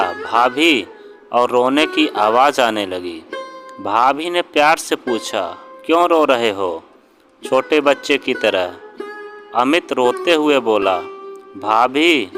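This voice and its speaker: Male story narrator: slow, measured and plain, with guitar music under the voice. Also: mid-range voice.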